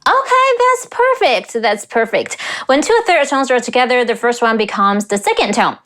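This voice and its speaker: A young woman from China talks through clips as a language teacher. She breaks words down and repeats sounds slowly to demonstrate tones, in a slightly high voice. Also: a bit bright. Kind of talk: reaction video with pronunciation lesson.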